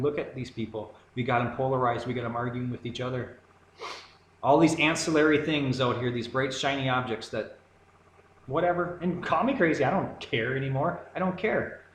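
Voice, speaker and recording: Ranting man in an echoey room. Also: medium pitch. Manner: heated, rambling, sarcastic. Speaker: video commentator. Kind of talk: ranting monologue. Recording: echoey room with faint background noise.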